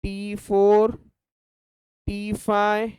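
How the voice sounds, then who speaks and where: A young Indian man leads a math class in a fairly high, smooth voice, firing questions at his students and answering them himself. He counts off steps aloud as he works a calculator, and the recording is close and dry. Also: completely flat delivery, drawn-out words, darkish tone, dry recording. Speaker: math tutor.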